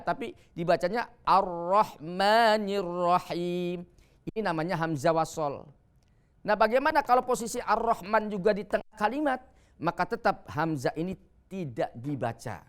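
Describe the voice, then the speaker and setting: Male Quran teacher on TV, smooth clear voice, patient explainer. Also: high voice, animated. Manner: explains patiently, chants Arabic verses slowly. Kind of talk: televised Quran reading lesson. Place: TV studio.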